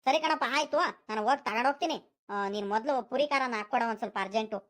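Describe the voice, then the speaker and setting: A woman's voice: fairly high pitch, fast, fairly bright tone, natural voice. A woman voicing a stingy, fussy old village grandfather in a cartoon, nagging and haggling, with a rural Karnataka Kannada accent. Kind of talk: cartoon voice acting.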